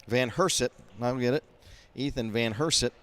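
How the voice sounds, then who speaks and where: A man's voice: medium pitch, moderate pace, a bit bright. Folksy hockey play-by-play man. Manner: folksy, rambling asides with many fillers. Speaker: play-by-play announcer. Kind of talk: amateur hockey play-by-play commentary. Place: behind glass in a rink mezzanine.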